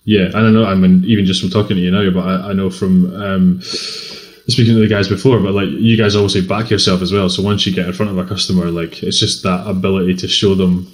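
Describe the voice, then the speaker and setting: A man's voice: sits low, fast. A man with a Scottish accent hosting a podcast, chatting casually with a guest and using lots of fillers. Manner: relaxed, chatty, filler-heavy. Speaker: podcast host. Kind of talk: casual interview chat.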